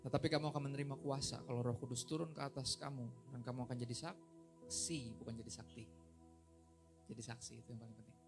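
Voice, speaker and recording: A middle-aged male pastor giving a casual, joking sermon in a church, slipping in English phrases and getting loud and high when excited. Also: quick pace, gravelly, music in the background. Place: church hall.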